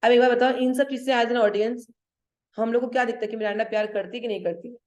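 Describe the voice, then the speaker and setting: Steady, a little mellow, and fairly high in pitch, this woman's voice explains a play line by line. She is an English literature teacher described as a Hindi-teacher woman, mixing Hindi and English, reading verse slowly, and checking with "ठीक है?"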